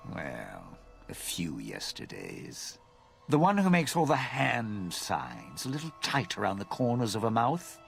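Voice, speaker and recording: An actor playing a bitter, vengeful lounge singer who schemes and sneers, in video game dialogue. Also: male voice, mid-range voice, creaky, full character voice. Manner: sneering, drawn-out, sly.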